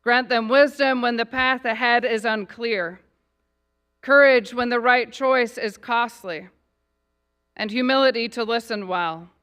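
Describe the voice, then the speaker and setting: A woman pastor leads a public prayer in a Northern Irish accent blended with American tones. Her voice is bright and clear, and her delivery is measured and rhythmic. She lets each line settle before the next. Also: fairly high pitch. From Northern Ireland.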